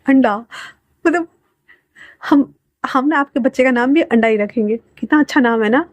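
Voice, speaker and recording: A woman's voice: high-pitched, normal speed, dry recording, muffled recording, natural voice. A woman voicing a giggly young man who teases his friends. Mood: teasing. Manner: teasing, giggling.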